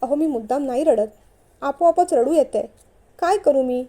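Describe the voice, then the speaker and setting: A woman's voice: high-pitched, moderate pace, mellow, natural voice. A woman voicing a timid, tearful young wife who speaks hesitantly in a storybook reading.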